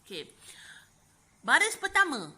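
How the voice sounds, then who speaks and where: A woman's voice: high voice, huge pitch swings, measured pace, pushed and bright. A Malaysian woman teacher with a Malay accent giving a lesson to young pupils, chatty and full of fillers like "okey" and "ha". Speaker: primary school teacher. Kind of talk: classroom lesson explaining poetry.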